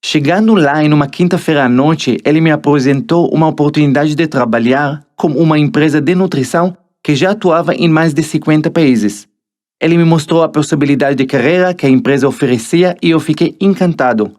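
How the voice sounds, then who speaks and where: A man's voice: on the high side, fairly quick, a little mellow. Israeli man narrating his motivational audiobook. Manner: motivational, addresses the listener directly. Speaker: author narrating his own book.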